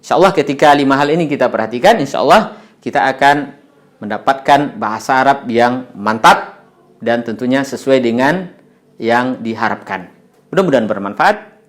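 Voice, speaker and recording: A man's voice: mid-range voice, animated, normal speed. A man with an Indonesian accent teaching Arabic pronunciation in a video lesson, with many "ya" fillers as he models Arabic sounds.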